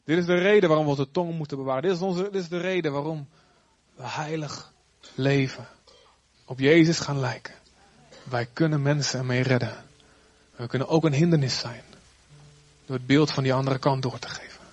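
Fervent high-voiced preacher. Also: male voice, fairly even intonation, moderate pace, pauses often, no room sound. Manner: fervent, repetitive pleading prayer. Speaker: pastor. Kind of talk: sermon leading prayer.

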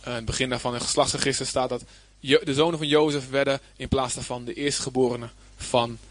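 A man's voice: mid-range voice, steady tone, fairly quick, fairly bright tone, no echo. A man preaching a Bible lesson, reading scripture aloud and then explaining it plainly, with emphasis and some hesitant fillers. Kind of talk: Bible teaching.

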